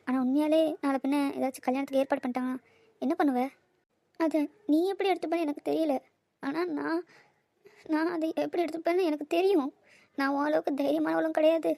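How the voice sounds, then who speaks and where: A woman's voice: high voice, vocal fry, dark tone, no room sound. A woman voicing an anxious young woman who scolds and worries about her marriage in a cartoon. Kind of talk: Tamil cartoon dubbing.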